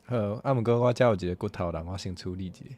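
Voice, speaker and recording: A man's voice: on the low side, quick pace, very noisy. A man from Taiwan streaming a game in casual chat, playful and laughing often.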